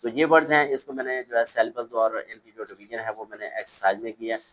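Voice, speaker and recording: A man teaches an English lesson for young children. His voice sits at an ordinary middle pitch, and he reads each English word slowly before explaining it, often pausing and correcting himself. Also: little pitch movement, fairly bright tone, poor audio. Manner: slow, reads English words aloud then explains them, with hesitations and self-corrections.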